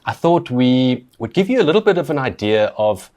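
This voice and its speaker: A South African man hosting a podcast, chatting in a relaxed, conversational way with frequent fillers. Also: medium pitch, a little fast. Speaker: podcast host. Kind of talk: casual podcast chat.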